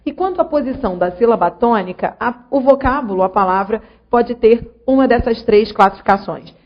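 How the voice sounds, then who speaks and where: A woman's voice: a little high, moderate pace, highs cut off. A woman giving an online grammar lesson, explaining rules and checking in with the student as she goes. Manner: didactic, addresses student directly with check-ins. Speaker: teacher.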